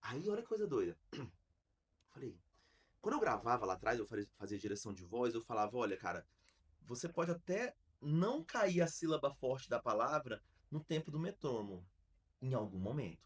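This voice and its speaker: A man from Brazil, a podcast host, telling a story in a casual, slangy, animated way with many restarts. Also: medium pitch, a little fast, slightly rough.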